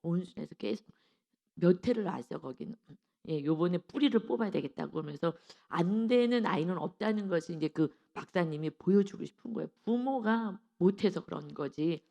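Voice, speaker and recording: A woman preaching an early-morning sermon, acting out quoted voices and swinging between soft and loud. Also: fairly low pitch, lively intonation, brisk, vocal fry. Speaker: pastor.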